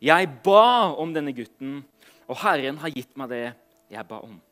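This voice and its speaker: A man's voice: a little high, big pitch swings. Man preaching, voice fading at phrase ends. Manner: phrase endings trail off softly; casual, hesitant asides between readings. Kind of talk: sermon with Bible reading.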